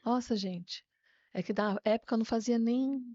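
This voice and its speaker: Woman pastor, personal testimony, higher voice, dull lo-fi sound. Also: normal speed, no room sound. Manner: lively storyteller, often ends phrases with "né?". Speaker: pastor, guest.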